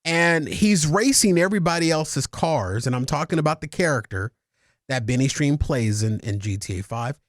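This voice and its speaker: A man co-hosting a casual podcast, ranting excitably and swinging from mumbled asides to shouted outbursts. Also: sits high, no echo, clean studio sound. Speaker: podcast co-host.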